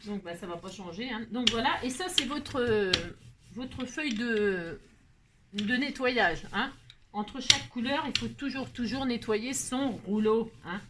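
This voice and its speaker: A woman's voice: on the high side, measured pace. Chatty woman, noisy craft tutorial. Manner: chatty, playful, self-mocking, many fillers. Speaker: crafting video host. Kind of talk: casual craft tutorial chat.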